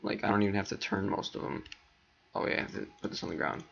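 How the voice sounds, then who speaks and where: Low-voiced man with a cracking voice. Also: fairly even intonation, quick pace, gravelly, fairly bright tone. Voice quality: voice cracks now and then. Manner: rambling, filler-heavy, talks while clicking through steps. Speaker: tutorial maker. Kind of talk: casual screen-recorded tutorial. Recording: dull lo-fi mic.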